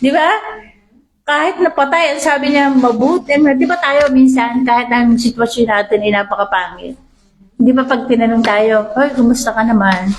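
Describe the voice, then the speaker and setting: A woman preacher giving a lively sermon, reading Bible verses and often asking the congregation "di ba?". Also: fairly high pitch, normal speed. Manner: asks the congregation "di ba?" often, animated. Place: church hall. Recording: echoey church hall.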